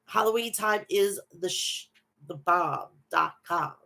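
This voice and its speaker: Speaking slowly in a fairly low, creaky voice, this woman sounds bright and forceful yet nasal, since she has a bad cold and a stuffy nose. She hosts a casual wrestling recap, reading match results and chatting with viewers.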